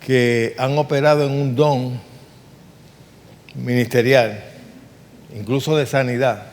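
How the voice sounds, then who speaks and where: A man preaches with earnest emphasis and keeps putting rhetorical questions to his listeners. His voice sits at an ordinary middle pitch. The sound rings out with the long reverb of a large church hall. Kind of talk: sermon.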